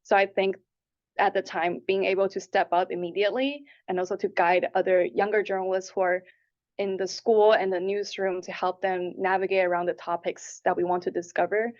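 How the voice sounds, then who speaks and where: A low-ish, slightly mellow female voice moves briskly, with little pitch movement. She is a twenty-something interviewee from Taipei and Hong Kong, earnestly answering questions in a conversational way, and the recording sounds dull and lo-fi.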